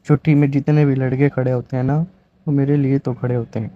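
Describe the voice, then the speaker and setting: A sly, headstrong orphaned young woman from a romance story, as a male reader puts her on. She pleads and protests with a dramatic flair. The voice sits at a middling pitch, and the recording sounds a little dull. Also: level tone, natural voice. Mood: defiant.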